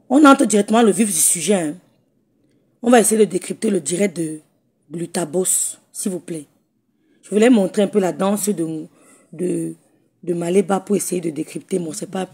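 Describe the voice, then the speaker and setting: A woman with a hoarse, croaky voice, chatting casually on a phone live stream and greeting viewers by name. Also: lowish voice, darkish tone.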